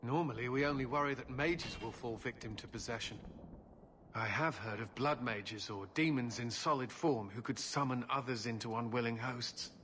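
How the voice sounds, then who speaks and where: An actor playing a commanding, dutiful Templar knight-captain, formal and earnest in a fantasy video game. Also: male voice, medium pitch, moderate pace, a bit bright, a little hiss or hum, close to an everyday voice. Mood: earnest, troubled.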